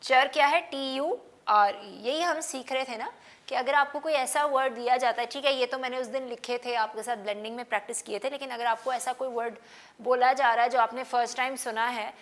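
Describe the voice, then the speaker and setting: A woman's voice: a little high, steady tone, a little fast, a bit bright. A woman teaching an English phonics class, spelling words out letter by letter and mixing Hindi-Urdu with English. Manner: calls out to students by name.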